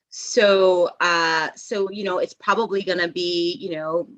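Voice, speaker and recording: A woman's voice: fairly low pitch, sharp tone, dull audio. A woman presenting a housing proposal at a public meeting over a video call, hesitant and full of fillers. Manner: hesitant, many fillers and restarts.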